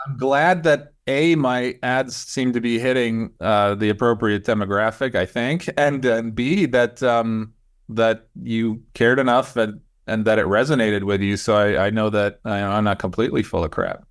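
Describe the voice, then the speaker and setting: A man's voice: mid-range voice, fairly even intonation, moderate pace. A man from Switzerland, a producer-director guest in a casual interview chat, easygoing and self-deprecating.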